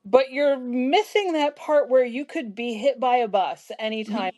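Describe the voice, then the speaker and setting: A woman in her fifties from South Central Pennsylvania, hosting a casual conversation and telling stories with lively asides. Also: fairly high pitch, unhurried. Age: 50s. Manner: storytelling, animated asides. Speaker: host.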